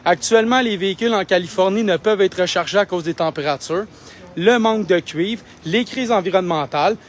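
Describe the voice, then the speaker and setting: A young Québécois man with a high-pitched voice argues in an insistent, indignant tone. He speaks into a handheld phone while livestreaming outdoors. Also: fairly quick, a little hiss or hum. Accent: Québécois French. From Quebec. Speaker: independent livestreamer. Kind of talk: live street vlog. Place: outdoors outside a building.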